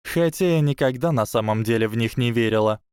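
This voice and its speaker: A man's voice: mid-range voice, a little fast, darkish tone, clear, resonant tone, no room sound, clean studio sound, natural voice. A man voicing a dazed schoolgirl witch who speaks politely but firmly.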